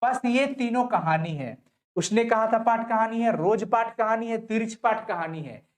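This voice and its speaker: A man's voice: high-pitched, a little slow. A male teacher, giving an online class that explains a textbook story. He reads the text aloud, explains it, answers his own questions and reassures his students. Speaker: Hindi teacher.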